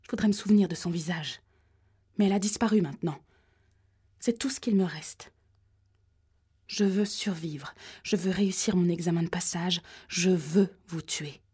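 A woman voicing an agitated male caller with a high, metallic voice who whispers threats in an audiobook. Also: moderate pace, pauses often, dark tone, husky. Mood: menacing.

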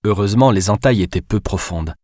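A man narrating an audiobook novel in a measured, even storytelling manner. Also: lowish voice, dry recording, studio quality. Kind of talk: scripted narration.

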